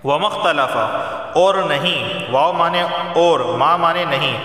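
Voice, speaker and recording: A man's voice: on the high side, pushed and bright. Echoey distant man chanting and teaching. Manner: chants verses slowly in melodic recitation, then explains rules plainly. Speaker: Quran teacher. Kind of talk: Quran recitation and tajweed lesson. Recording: roomy echo, long reverb, distant mic.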